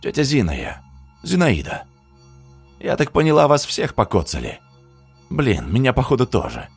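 Crude, loud older woman over fifty, put on by a man, husky, lively. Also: mid-range voice, moderate pace, no room sound, faint music behind, voice pushed up, full character voice. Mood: brash. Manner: rude, brash, loud.

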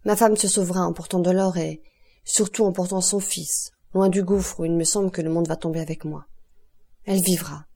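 A woman's voice: on the low side, steady tone, fairly quick, mellow, breathy edge. A woman reading the part of an anguished middle-aged male royal prosecutor in an audiobook, with tense, urgent outbursts. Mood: brooding.

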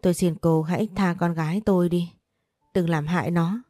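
A woman's voice: lowish voice, steady tone, normal speed, mellow, no echo, faint music behind, natural voice. Woman voicing a desperate pleading mother. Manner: pleading, urgent. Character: desperate protective young mother.

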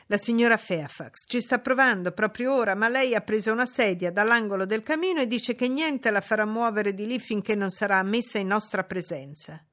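A woman's voice: mid-range voice, a little fast, hardly any pauses, fairly bright tone, voice pushed up, natural voice. A woman reading an audiobook, voicing a flustered, deferential male footman. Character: nervous male footman servant.

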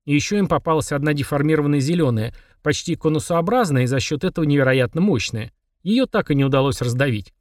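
A man narrating a children's audiobook in a lively, playful manner. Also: on the high side, quick pace, no echo, clean studio sound.

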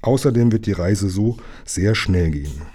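A man reading a storybook aloud, voicing a sturdy adult engine driver who grumbles low and unhurried. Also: lively intonation, warm tone. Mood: steady.

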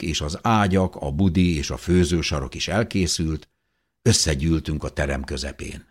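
A man reading a first-person story aloud in a calm, measured way. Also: extremely low pitch. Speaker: audiobook narrator. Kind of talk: scripted first-person narration.

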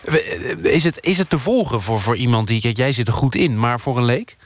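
A man anchors a radio news show, setting up the story and then asking a colleague questions. His voice sits at mid pitch and sounds dry and close to the mic. He speaks conversationally and sometimes stumbles over his words. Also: fairly quick, no echo.

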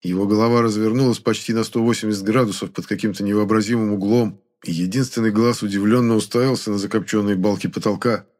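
A man narrates an audiobook in the first person, speaking a little on the low side. His delivery is steady and keeps the storytelling moving. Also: quick pace, few pauses.

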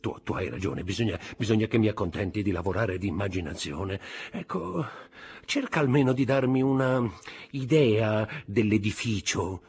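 A man's voice: fairly low pitch, animated, normal speed, a little mellow, husky, pitched above the performer's own voice, exaggerated voice. A man reading aloud, voicing a greedy, wheedling old male schemer who stammers and repeats his words. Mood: scheming.

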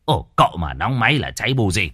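Older sorcerer's helper, played by a man, low, hushed and stammering, calming voice in an audio story. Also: fast talker, slightly rough, no echo, clean studio sound, heavily acted. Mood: soothing. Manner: low, hesitant, soothing with fillers. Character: older male sorcerer's calm sidekick.

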